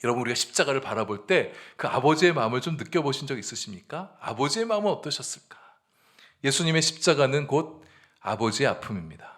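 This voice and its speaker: Korean man preaching with a lively voice. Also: mid-range voice, fast talker. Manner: earnest preaching, acts out quoted voices with rising emphasis. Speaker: pastor. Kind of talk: sermon.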